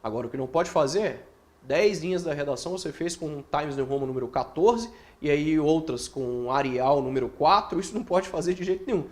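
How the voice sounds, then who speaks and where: A man with a Brazilian accent teaching essay writing in an online course, checking in with tag questions and answering imagined student questions himself. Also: on the high side. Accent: Brazilian Portuguese. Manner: explains with quick rhetorical questions and tag questions; acts out student questions in his own voice.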